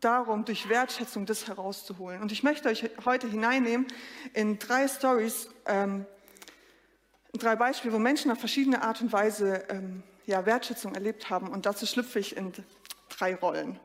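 Woman preaching a lively story sermon. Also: medium pitch, normal speed, in a large hall. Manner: lively storytelling, addressing the congregation directly.

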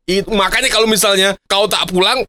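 A man's voice: high-pitched, fairly even intonation, fairly quick, bright, forceful tone. A man acting in a comedy sketch, speaking in an overly formal, theatrical way with sing-song outbursts.

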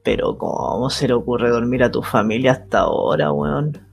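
A man's voice: mid-range voice, lively intonation, normal speed, gravelly. A man chatting casually and joking, with faint music behind. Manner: joking, playfully acts out voices. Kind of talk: casual chat.

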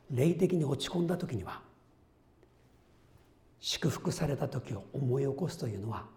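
A man preaching a sermon as pastor, earnest, rising to loud exclamations and dropping to soft whispered asides. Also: mid-range voice, gravelly. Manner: quotes voices and his own notes conversationally.

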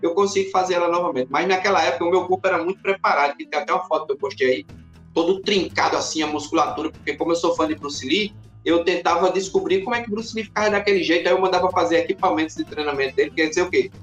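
A man, a podcast guest in casual chat, who tells his stories in an animated way and acts out the scenes. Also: a little high, very fast, muffled recording, soft background music. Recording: roomy echoey room.

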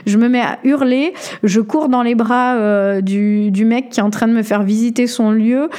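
A woman hosting a podcast, telling a personal story in an animated way, full of hesitations and fillers. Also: fairly high pitch, moderate pace, clean tone. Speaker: podcast host.

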